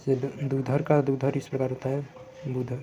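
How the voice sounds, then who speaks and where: A man's voice: mid-range voice, flat delivery, normal speed, warm tone, slight background noise. A man teaching Hindi spelling for exam prep, going word by word and often correcting himself. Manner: self-correcting, repetitive word-by-word explanation.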